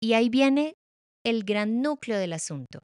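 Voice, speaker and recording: A middle-aged woman hosting a reflective podcast monologue, expressive and playful, shifting pace and loudness and laughing at her own stumbles. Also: on the high side, measured pace, clean tone, no echo, clean studio sound. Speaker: podcast host.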